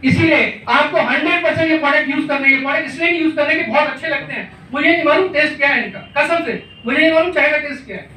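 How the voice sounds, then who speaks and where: A man's voice: very high voice, pushed and bright. A middle-aged man giving an emphatic motivational talk to a business team in a meeting room, repeating points and asking rhetorical questions. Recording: echoey room, mic far off, faint noise.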